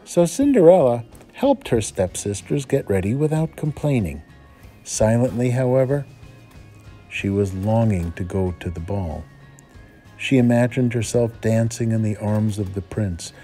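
A male first-grade teacher reading a fairy tale aloud to children, in a dramatic, expressive storytelling manner. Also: lowish voice, a little slow, soft background music.

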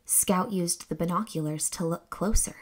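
Hosting a children's read-aloud, a young woman with a lowish voice reads a storybook in an expressive, deliberate, exclamatory style.

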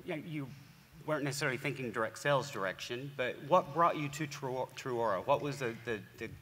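A man in his forties hosts an onstage interview with a bright, forceful mid-pitched voice. He speaks enthusiastically and chattily, restarting phrases often. Long hall reverb surrounds him. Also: brisk. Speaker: host. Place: large conference stage.

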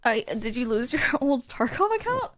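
A woman's voice: on the high side, big pitch swings, normal speed, fairly bright tone, dry recording, clean studio sound. A woman streaming a game, chatting casually with a friend in a playful, teasing way and laughing often. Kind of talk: casual chat on a gaming stream.

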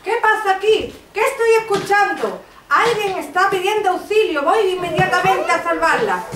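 A woman's voice: very high-pitched, expressive, normal speed, a bit bright, a little hiss or hum. A woman from Andalusia playing a brave male woodcutter in an amateur school play. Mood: bold. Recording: echoey hall from far off.

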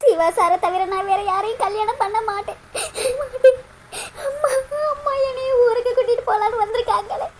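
A woman's voice: very high voice, fast. A woman voicing a heartbroken young woman in a cartoon, talking through sobs and pleading. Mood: tearful. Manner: sobbing, pleading.

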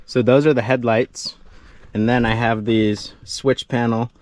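A man's voice: medium pitch, steady tone, unhurried, a little mellow. A young man narrating his own outdoor photography vlog, chatty and upbeat, talking into an action camera outdoors while hiking. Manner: chatty, upbeat, explains gear as he goes. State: out of breath at times. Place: outdoors on a desert hike. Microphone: action camera mic.

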